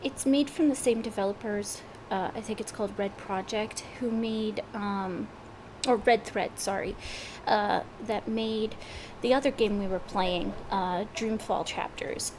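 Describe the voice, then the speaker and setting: A woman streamer, congested from a cold, chats loosely ahead of her gaming session, stumbling through fillers and restarts. Her pitch is medium and her pace unhurried, with background noise behind her.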